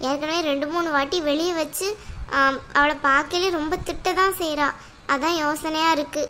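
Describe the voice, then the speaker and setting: A woman voicing an upset, sharp-tongued young wife in a cartoon. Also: high voice, steady tone, moderate pace, slight background noise. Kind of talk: cartoon voice acting.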